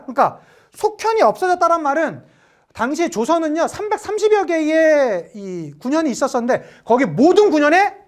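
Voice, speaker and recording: A woman teaching an exam-prep history class in a high voice. She fires rhetorical questions at her students, and her pitch swings widely as she acts out little quoted lines. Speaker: history lecturer.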